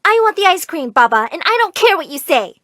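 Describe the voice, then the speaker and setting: A woman's voice: very high voice, big pitch swings, fairly quick, pushed and bright, no room sound, studio quality, voice pushed up, full character voice. A woman voicing a spoiled, stubborn young girl who whines and pleads. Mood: defiant. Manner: whiny, pleading.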